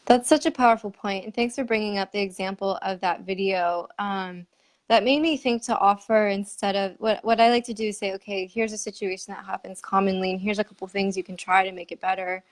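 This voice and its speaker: A woman's voice: mid-range voice, fairly even intonation, brisk. A woman hosting a conversational interview, speaking candidly with frequent laughs and fillers. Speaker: podcast host. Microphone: remote live stream.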